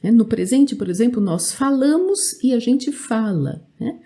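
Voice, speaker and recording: A woman with a Brazilian Portuguese accent teaching a language lesson, speaking clearly and drilling verb forms for learners to repeat. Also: fairly high pitch, expressive, unhurried, warm tone.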